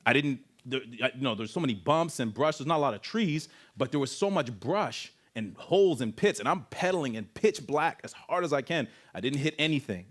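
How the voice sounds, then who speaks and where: A man from Canada, speaking at a camp and telling a personal story in an animated way, acting out voices and sound effects. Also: medium pitch, fairly quick, hardly any pauses. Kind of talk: storytelling testimony talk.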